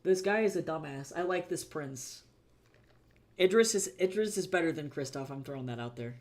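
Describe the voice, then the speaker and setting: An indie fantasy author chatting casually on a live stream, rambling with lots of fillers and quick laughs. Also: mid-range voice, lively intonation.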